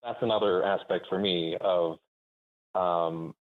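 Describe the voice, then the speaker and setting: A man's voice: low voice, steady tone, slight background noise. Man talking over a clipped phone line. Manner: thoughtful, halting, searching for words. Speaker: caller. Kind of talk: call-in conversation. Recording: narrow tinny phone line.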